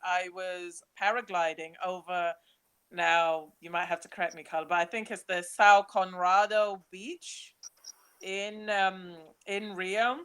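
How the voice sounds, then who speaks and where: A young woman from Nigeria, speaking, gives a chatty, animated webinar talk about her travels while slides are changed. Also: lowish voice, measured pace, smooth. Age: young adult. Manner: chatty, animated, laughs easily.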